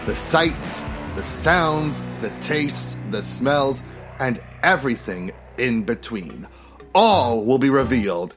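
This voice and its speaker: A man hosting a podcast in a scripted, theatrical emcee style, playing up a mock-king persona, with music behind him. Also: mid-range voice. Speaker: podcast host. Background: background music with guitar.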